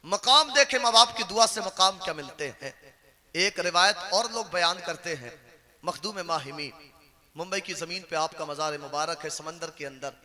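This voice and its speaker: Male preacher, high and bright in tone, impassioned sermon delivery with big swings from quiet to loud. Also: normal speed.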